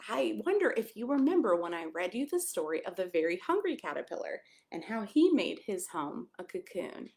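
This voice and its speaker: Reading a children's story as a pastor, a woman with a mid-range, creaky, darkish voice speaks a little fast with big pitch swings. She performs the picture book expressively for young kids, tossing in friendly asides, questions, and exclamations.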